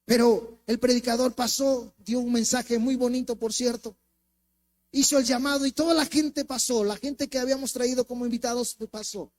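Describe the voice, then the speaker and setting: A man with a Mexican accent, a co-pastor preaching in church, who tells a personal story with animated swings between loud and hushed speech and acts out the voices in it. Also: extremely high pitch, moderate pace. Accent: Mexican Spanish.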